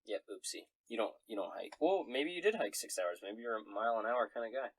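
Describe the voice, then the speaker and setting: A man's voice: fairly low pitch, expressive, fast talker, gravelly, husky. A man acting as game master, narrating a tabletop role-playing game in a casual, conversational style.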